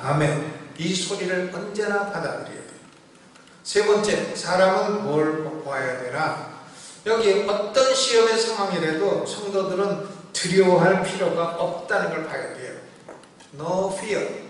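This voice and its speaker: An older man as a pastor, preaching a lively sermon and acting out Satan's taunts while asking the congregation to answer. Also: high-pitched, measured pace. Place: church sanctuary. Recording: echoey church hall from far off.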